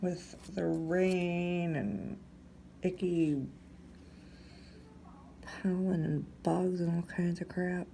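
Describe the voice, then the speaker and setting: A young adult woman, hoarse from allergies, giving a relaxed, chatty tattoo tutorial while she works. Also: on the low side, extremely slow, long pauses, a little hiss or hum. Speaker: tattoo instructor. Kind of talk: casual tutorial demo.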